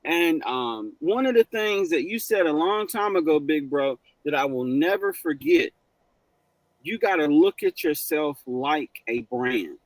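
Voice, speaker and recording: High, lively man giving pep talk. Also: a little slow, vocal fry, no room sound, rough recording. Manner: lively, animated, preachy encouragement. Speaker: livestream guest. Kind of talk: casual livestream chat.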